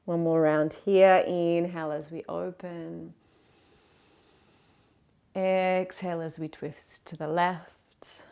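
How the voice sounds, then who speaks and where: A woman yoga teacher leading a guided class, cueing breath and movement in a gentle, encouraging, unhurried way. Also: fairly low pitch, flat delivery, vocal fry, smooth.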